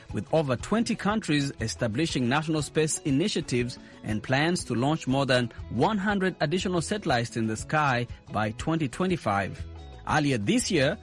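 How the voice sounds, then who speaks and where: A man hosting a radio magazine show, reading scripted links and introducing guests in a steady, announcer-like way. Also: a little high. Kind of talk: scripted radio presenting and interviewing.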